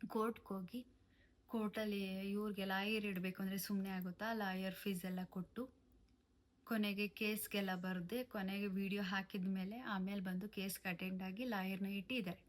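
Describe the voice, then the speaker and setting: A woman telling a personal story of betrayal, aggrieved and emotional, with pauses and restarts. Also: medium pitch, fairly even intonation. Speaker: vlogger. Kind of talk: personal testimony to camera.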